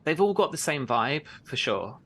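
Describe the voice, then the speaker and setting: A man's voice: medium pitch, very animated, moderate pace, a bit bright, a little hiss or hum. A man narrating as game master in loose, hedging talk full of "kind of" and "like".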